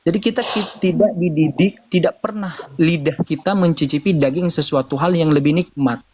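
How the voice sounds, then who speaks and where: A man's voice: a little high, moderate pace, darkish tone, dull audio. A man speaking earnestly in a casual live-stream discussion, explaining his views at length and often addressing listeners as brothers. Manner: earnest, explanatory, repeats "saudaraku". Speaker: convert sharing views.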